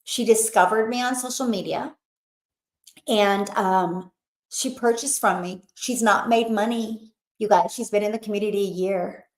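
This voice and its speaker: A woman's voice: mid-range voice, unhurried, echoey room, low-quality recording. A woman hosting a motivational webinar, talking in a chatty, emphatic way with lots of fillers. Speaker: webinar host.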